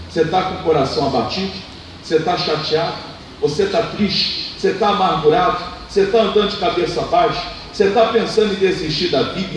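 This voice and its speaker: A Brazilian man preaching a sermon as pastor, with impassioned delivery that swings between loud appeals and hushed asides. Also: fairly high pitch, a little hiss or hum. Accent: Brazilian Portuguese. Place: church hall. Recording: echoey church from a distance.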